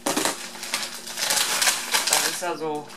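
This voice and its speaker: A woman's voice: sits low, level tone. Woman vlogger in a roomy, noisy recording. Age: middle-aged. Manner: halting, item-by-item listing. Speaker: vlogger showing a shopping haul. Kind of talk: casual unscripted haul commentary. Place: home kitchen, indoors. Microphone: camera mic at a short distance. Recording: roomy, distant camera mic with clear noise.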